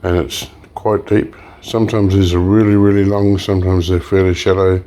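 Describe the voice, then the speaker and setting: The host of an e-waste recycling channel takes electronics apart in a casual, hands-on demonstration, speaking in a low-pitched voice. Relaxed, he explains as he works, slightly hoarse and clearing his throat, pausing with fillers and frequent restarts.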